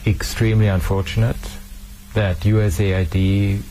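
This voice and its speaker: Earnest male official, low gravelly voice, halting restarts, faint background noise. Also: little pitch movement, mellow, low-quality recording. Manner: earnest, with frequent hesitations and repeated words. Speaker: human rights official. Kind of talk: interview answers.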